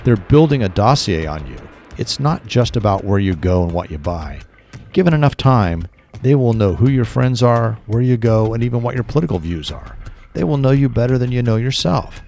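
A man's voice: mid-range voice, lively intonation, moderate pace, creaky, darkish tone, voice pushed up. A man voicing a paranoid middle-aged former tech worker who talks urgently and insistently, with music behind. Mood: agitated.

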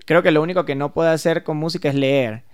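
A man's voice: a little high, steady tone, fast, smooth. A man who is a music therapist, explaining ideas in a casual podcast interview, thinking aloud with small hesitations.

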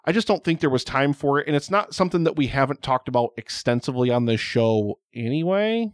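A male podcast host talks loosely and casually, rambling and joking, and swears freely along the way. His voice sits at an ordinary middle pitch. The sound is dry and close, with no room around it. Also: lively intonation, a little fast, no room sound. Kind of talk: casual chat.

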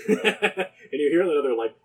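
Husky man running a tabletop game. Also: a little high, lively intonation, a little slow, rough recording. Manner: loose, amused narration with many fillers. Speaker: game master.

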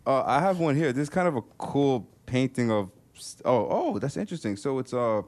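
A man with an average-pitched voice co-hosts a relaxed chat. He talks informally and reads aloud haltingly, often doubling back on words. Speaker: co-host of a game developer show. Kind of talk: casual chat, reading postcards aloud.

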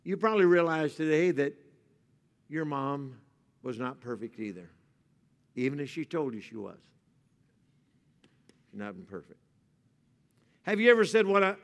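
A man preaching a sermon at a pulpit microphone in a church, moving from joking to a softer, reflective tone. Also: a little high. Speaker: pastor. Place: church sanctuary. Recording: reverberant church hall.

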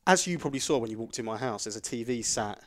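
A man telling a story in a casual chat, animated, his voice climbing sharply as he recounts getting angry. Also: medium pitch, fast talker. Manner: animated, voice rising sharply when recounting anger.

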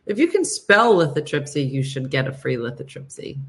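A woman hosting a casual livestream, chatting with viewers in a listless, low-energy, dry deadpan way. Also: moderate pace. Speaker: host of a morning livestream show.

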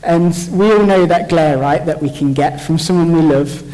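A man's voice: on the high side, moderate pace, mellow. A young man giving an informal, jokey Bible talk as a church speaker, thinking aloud with restarts. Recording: long hall reverb.

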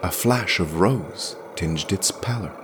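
Slow, deep-voiced male storyteller. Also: noisy background. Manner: measured, expressive storytelling. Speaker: podcast story reader. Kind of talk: scripted narration.

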